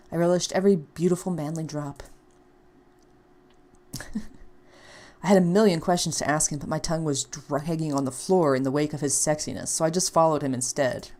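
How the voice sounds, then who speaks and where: A woman playing a visual novel and reading it aloud in first person as a let's play, with lively delivery and sarcastic, comic asides. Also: low-pitched. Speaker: game player.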